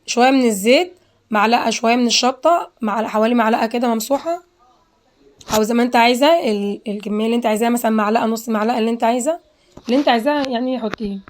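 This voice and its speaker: Fast-talking Egyptian woman cooking host. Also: on the high side. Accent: Egyptian Arabic. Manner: chatty, repeats herself, addresses viewers directly. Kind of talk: casual cooking tutorial.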